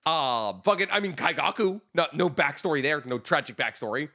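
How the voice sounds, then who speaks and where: A man's voice: on the high side, expressive, a little fast, bright, forceful tone. A man in his thirties co-hosting a podcast, in loose casual chat full of swearing and jokes. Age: 30s. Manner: swears freely, jokey. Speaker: podcast co-host.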